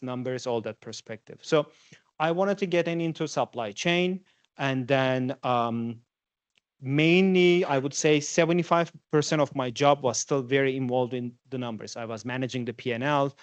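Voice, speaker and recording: In a conversational guest lecture, a man in his forties from Turkey, a native Turkish speaker, questions the students in front of him. His mid-range voice sounds clear and resonant, with no room sound.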